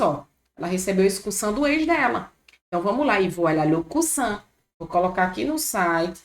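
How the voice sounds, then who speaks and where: A woman with a Brazilian Portuguese accent who teaches French, patiently explaining and repeating each word. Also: mid-range voice. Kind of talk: casual video lesson.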